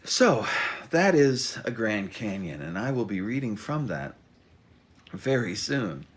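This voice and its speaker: In a lowish, sing-song voice, a man presents the memoir he wrote. His delivery mixes casual talk with dramatic reading, full of halting self-interruptions, dry humor and stagey stress on words.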